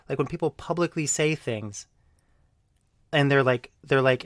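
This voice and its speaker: A man talking casually on his video channel, rambling with lots of fillers and jumping into loud mocking voices when he quotes people. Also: mid-range voice, no echo, clean studio sound. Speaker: YouTuber. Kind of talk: casual monologue.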